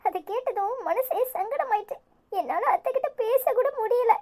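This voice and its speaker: A woman voicing a tearful, hurt young wife in a cartoon, speaking softly in a Tirunelveli accent. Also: extremely high pitch, normal speed. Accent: Tirunelveli Tamil. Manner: soft, tearful.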